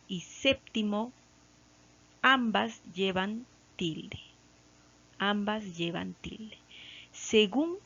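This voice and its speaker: A woman teacher with a Peruvian Spanish accent walks through a grammar lesson at an unhurried, deliberate pace. She keeps checking in with short tag questions, and her voice sits at an ordinary middle pitch. The recording is dull and lo-fi.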